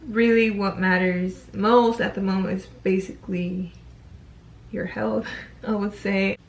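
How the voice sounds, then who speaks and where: A woman in her twenties, a YouTuber, talks casually to the camera in a yearly check-in video. Her mid-range voice is steady and measured, and she sounds chatty but a bit hesitant, with frequent ums, in a reverberant space.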